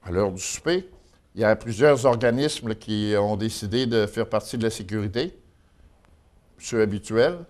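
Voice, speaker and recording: A man's voice: lowish voice, moderate pace, darkish tone. A man with a Quebec French accent giving an informal local news chronicle in a folksy, colloquial way. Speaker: local news and gossip columnist.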